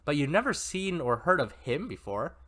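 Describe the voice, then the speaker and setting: Chatty male reader with asides and self-corrections, animated pitch. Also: moderate pace. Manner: chatty, self-correcting, laughs at own mistakes. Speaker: story reader and commentator. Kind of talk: reading an interactive novel aloud with asides.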